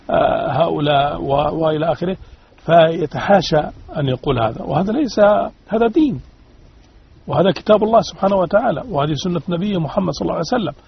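A man's voice: on the high side, creaky, slight background noise. A man on a religious discussion panel, arguing emphatically, repeating his points and posing rhetorical questions. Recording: dull radio-like sound.

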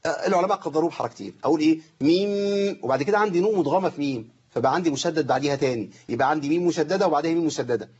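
A man's voice: a little high, racing, hardly any pauses, darkish tone, slightly rough, muffled recording. A man with an Egyptian accent teaching Quran recitation on a live show, stretching out demonstration phrases and quizzing his students. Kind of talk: live TV recitation lesson with call-ins.

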